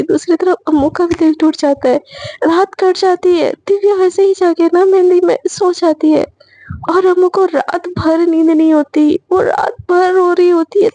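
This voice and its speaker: A woman tells a love story in a casual, emotional and chatty way. Her voice is very high but soft and mellow. It sounds close and dry. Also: dry recording.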